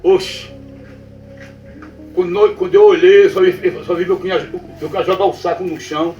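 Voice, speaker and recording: A man's voice: sits high, fairly even intonation, a little fast, a little mellow, highs cut off. A man with a Northeastern Brazilian accent telling a ghost story to a listener, repeating phrases and often checking that the listener is following. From Brazilian Northeast backlands. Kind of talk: spoken folk tale told to a listener. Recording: roomy sound from a distant mic with faint music.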